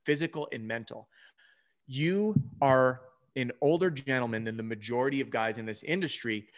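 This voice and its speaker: A man hosting an interview over a video call who talks in an enthusiastic, chatty way, full of quick asides. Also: medium pitch, a bit bright. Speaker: host. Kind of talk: interview host.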